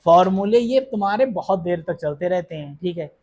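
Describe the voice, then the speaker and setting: Husky-voiced male chemistry teacher. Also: sits high, animated, brisk, a little mellow, highs cut off. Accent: Hindi. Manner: asks questions and answers them himself, reassuring. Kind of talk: classroom lecture.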